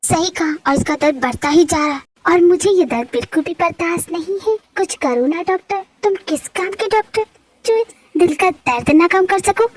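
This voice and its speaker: A bold young mafia queen who teases and demands, her voice very high and thin, as a woman voices her. She sounds like a homemade fan-dub drama. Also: normal speed, no echo. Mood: teasing. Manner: teasing and demanding, then indignant. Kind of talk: amateur Hindi fan dub.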